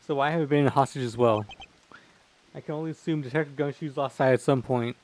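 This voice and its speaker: A man voicing an earnest, indignant gentleman detective with stiff, formal phrasing, reading a visual novel aloud. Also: medium pitch, a little fast, noisy background, lightly acted. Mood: brooding.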